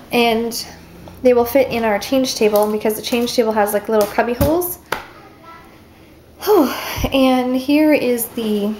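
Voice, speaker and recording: Her voice fairly high, this young vlogger walks a handheld camera through her upstairs spare room for a relaxed home tour. She talks in a bubbly, filler-heavy way, slightly breathless, and there's a bit of background hiss or hum.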